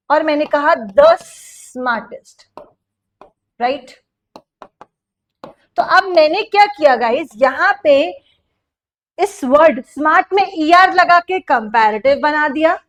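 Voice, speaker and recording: A woman teaching an exam-prep English grammar lesson who explains step by step, slows down for example sentences and keeps checking in with her class. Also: high voice.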